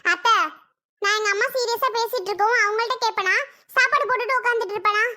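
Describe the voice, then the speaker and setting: A performer with a very high, bright voice plays a sulky, defiant young daughter-in-law in a family comedy skit, complaining indignantly. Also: quick pace, full character voice.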